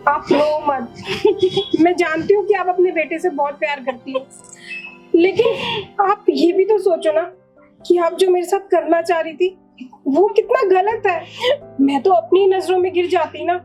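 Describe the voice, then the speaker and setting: A woman's voice: extremely high pitch, unhurried, a little mellow, low-quality recording. An actress playing a young daughter-in-law who confronts her mother-in-law emotionally, in a melodramatic family drama with faint music underneath. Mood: tearful, gentle. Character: young wronged daughter-in-law, hurt but firm. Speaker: actor in a family drama short. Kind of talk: melodramatic short-film acting.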